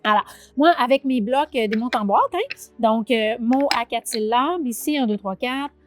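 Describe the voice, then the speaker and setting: A woman's voice: on the high side, soft background music. A woman remedial teacher with a Quebec French accent, explaining a reading exercise to viewers and sounding out syllables, checking in often. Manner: animated, addresses viewer directly with many check-ins; sounds out letters and syllables slowly. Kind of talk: teaching demonstration video.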